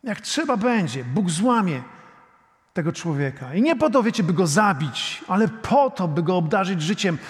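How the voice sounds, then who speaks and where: A middle-aged man preaching a sermon, shifting between soft, intimate prayer and loud, emphatic preaching, talking straight to the congregation. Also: sits high, sing-song, normal speed. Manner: addresses the congregation directly, often saying "you know". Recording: long hall reverb.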